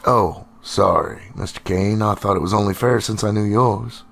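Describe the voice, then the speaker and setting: A man voicing a friendly male government agent with a smooth Texan drawl. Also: fairly low pitch, fairly even intonation, normal speed, fairly bright tone, soft background music. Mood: easygoing.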